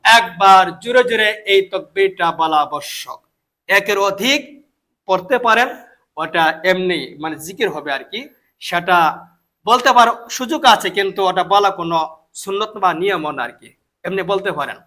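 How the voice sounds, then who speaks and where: The sermon comes from a Bangladeshi man whose Bengali-accented voice is high-pitched, expressive, bright and forceful. He delivers it emphatically, going back over key phrases and chanting the takbir at a slow pace.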